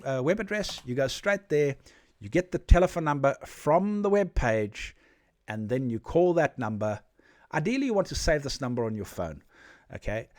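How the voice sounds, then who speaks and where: A man's voice: medium pitch, no echo, studio quality. A man working as an IT support technician, giving direct, emphatic advice in a casual talk and often checking in with "all right?".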